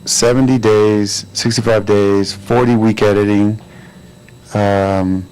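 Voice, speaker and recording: A man, an actor and producer, talking in a relaxed, rambling way with lots of fillers at a crowded premiere. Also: on the low side, takes it slowly, smooth, low-quality recording. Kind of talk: premiere interview.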